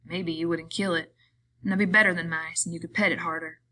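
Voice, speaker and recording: A woman voicing a gruff, quick-tempered grown man, a ranch hand with rough rural drawling speech. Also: fairly low pitch, steady tone, sharp tone. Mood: gruffly softening.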